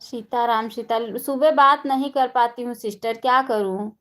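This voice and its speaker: A woman's voice: a little high, normal speed, a bit bright. A woman hosting a casual live stream, chatting while doing housework and greeting viewers one by one by name.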